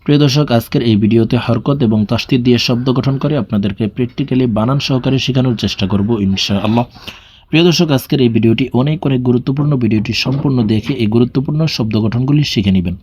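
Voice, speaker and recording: A man teaching Quran reading, spelling out each word syllable by syllable and drawing the sounds out in a slow drill. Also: mid-range voice, a little mellow, a little hiss or hum. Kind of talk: spelling-out recitation lesson.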